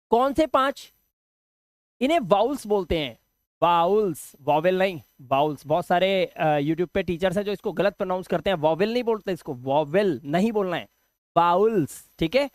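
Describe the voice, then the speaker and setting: A man's voice: high voice, dry recording. A man with a slightly sore throat, explaining English basics to beginners and repeating key words back as questions. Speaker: English teacher. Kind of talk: classroom explanation.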